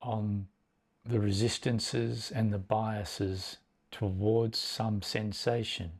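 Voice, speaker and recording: Guiding a meditation, a male teacher uses a fairly low, breathy voice with flat delivery. He moves at a measured pace, leaving long pauses between brief phrases.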